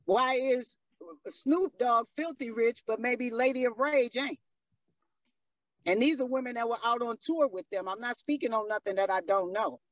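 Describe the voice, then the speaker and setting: Emphatic high-voiced woman radio guest. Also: moderate pace, no room sound, highs cut off. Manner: emphatic, street-talking, repeats "you see what I'm saying". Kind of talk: casual radio talk.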